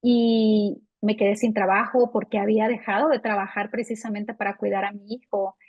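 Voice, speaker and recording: A woman's voice: medium pitch, little pitch movement, moderate pace, no room sound, muffled recording. A woman in her fifties, a financial advisor guest, answering interview questions in an earnest, personal way. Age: 50s.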